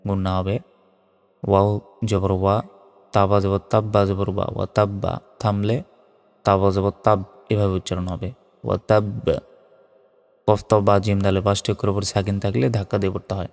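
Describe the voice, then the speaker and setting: A man teaching Quran reading with a Bangladeshi Bengali accent, spelling out each letter slowly and then chanting the verse. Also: fairly low pitch, flat delivery. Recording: studio voice with long reverb and soft music.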